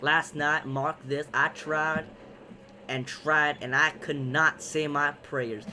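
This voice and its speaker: A man voicing a cranky, stubborn old farmer, reading his lines aloud in a loud, declaiming way that climbs into a strained high voice. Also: steady tone, slow pace, a little hiss or hum, full character voice.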